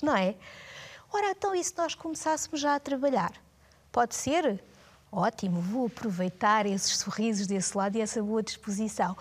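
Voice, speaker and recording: Professora portuguesa de voz aguda e encorajadora. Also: female voice, fairly high pitch. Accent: European Portuguese. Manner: warm, encouraging, addresses pupils directly. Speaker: primary school teacher. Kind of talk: scripted lesson for children.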